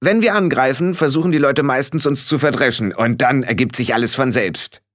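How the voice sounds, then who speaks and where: A man's voice: mid-range voice, fairly quick, fairly bright tone, dry recording, clean studio sound, pitched above the performer's own voice, close to an everyday voice. A man reading an audiobook, voicing a small, cheerfully reckless fairy chief who talks in a cocky, matter-of-fact way. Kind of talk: audiobook character voice.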